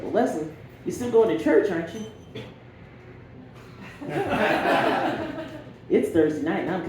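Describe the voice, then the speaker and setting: A woman in her forties doing a stand-up comedy set, brash and conversational, teasing the crowd from a club stage. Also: lowish voice. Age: 40s. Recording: roomy club with crowd laughter. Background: audience laughing.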